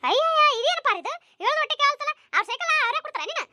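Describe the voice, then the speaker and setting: A very high, squeaky cartoon voice that races along at a breakneck pace. It sounds bright and sharp and is recorded dry and close. The performer scolds and nags as a comic village family. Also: lively intonation, rapid-fire, no room sound. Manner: scolding, nagging village chatter with crying whines.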